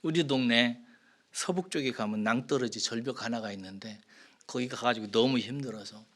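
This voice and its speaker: A male pastor giving an expository sermon, asking the congregation questions and answering them, swinging from loud emphasis to soft, whispered lines. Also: mid-range voice, moderate pace.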